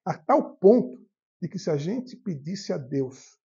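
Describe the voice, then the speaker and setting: Male spiritist lecturer, high and quick, dark in tone, acts out his dialogues; dull lo-fi hall recording. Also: big pitch swings, gravelly. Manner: storytelling, acts out the voices in dialogues. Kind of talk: spiritist talk from the tribune.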